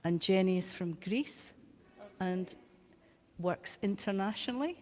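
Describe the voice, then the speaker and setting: A woman moderates a symposium panel, thanking guests and introducing the next speaker at an unhurried pace. The sound rings with a long hall echo. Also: mid-range voice, a little mellow. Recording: echoey hall.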